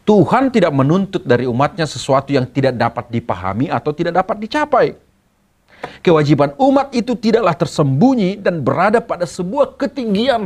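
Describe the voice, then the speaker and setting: Lively Indonesian pastor preaching to students. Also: male voice, a little high. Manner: lively storytelling with acted quotes. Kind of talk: sermon for students.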